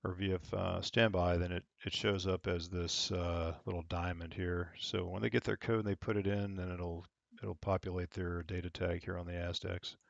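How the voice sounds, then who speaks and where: A man's voice: deep voice, little pitch movement, moderate pace, creaky, few pauses, dry recording, highs cut off. A man working as a virtual air traffic controller, switching between procedural air traffic control radio calls and casual explanation. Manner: procedural phrasing, spelled-out digits and call signs.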